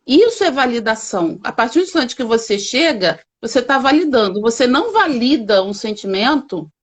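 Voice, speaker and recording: Brazilian woman coach on a video call, kinda high voice, slow emphatic teacher style. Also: big pitch swings, rough recording. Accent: Brazilian Portuguese. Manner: emphatic and didactic, drawing out key words. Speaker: child coaching guest. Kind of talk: explanatory interview answers.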